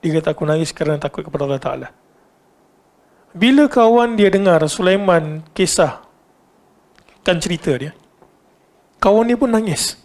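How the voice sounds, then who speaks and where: A man with a Malaysian Malay accent giving a religious lecture, telling a story in an animated way and asking his listeners questions as he goes. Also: sits high, moderate pace, pauses often.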